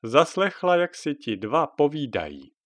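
Dad reading out a bedtime fairy tale, super expressive, dry close mic. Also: male voice, a little high, no room sound. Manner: lively, expressive. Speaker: father telling a bedtime story. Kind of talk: storytelling narration.

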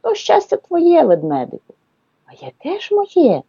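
A woman's voice: very high-pitched, wildly swooping pitch, measured pace, gravelly, mellow, no echo, lo-fi sound, voice pushed up, heavily acted. A woman voicing a timid little boy bunny in a children's story, eager and wistful.

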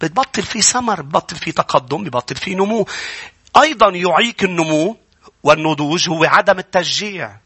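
A man with a Lebanese accent preaching a Bible-school sermon, emphatic, building to loud peaks and then dropping low. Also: expressive, brisk, breathy edge, no echo. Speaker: pastor.

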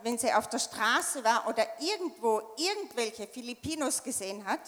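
High-voiced Austrian woman in an echoey hall. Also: lively intonation, normal speed, fairly bright tone. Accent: Austrian German. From Austria, Tyrol. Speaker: church member giving testimony. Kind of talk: sharing a personal story in short phrases for an interpreter. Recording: echoey hall with long reverb.

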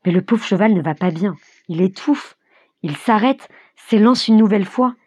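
Husky woman reading a novel aloud. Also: mid-range voice, normal speed, no echo. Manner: vivid, expressive storytelling. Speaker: narrator. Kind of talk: audiobook narration of a novel.

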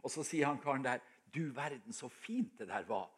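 Husky old Norwegian preacher. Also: male voice, medium pitch, lively intonation. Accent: Northern Norwegian, Helgeland coast. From Norway. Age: older. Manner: heartfelt, storytelling with frequent restarts. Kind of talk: sermon.

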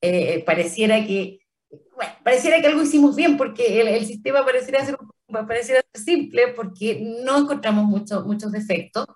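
A trademark office official with a Chilean accent responds to interview questions in a slightly high, slightly mellow voice, fairly quick and with lively intonation. Her careful answers are full of fillers and restarts, and she's recorded from afar.

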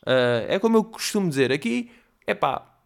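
A man's voice: fairly high pitch, very animated, moderate pace, creaky, pitched above the performer's own voice. A man doing a chirpy old waiter. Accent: European Portuguese. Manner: folksy, fond of stock phrases. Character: chatty older male waiter, soft-spoken, full of tips.

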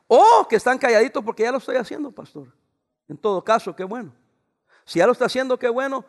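A pastor preaches a sermon to his congregation. He raises his voice and then drops to soft, quiet words. His voice sits high with a gravelly rasp, and a long church-hall reverb trails every phrase.

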